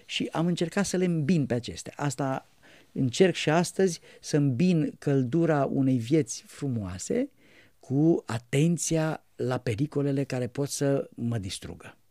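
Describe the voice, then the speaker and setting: A man's voice: mid-range voice, dark tone, no room sound, clean studio sound. A man, an Orthodox priest, earnestly telling his life story with rambling restarts.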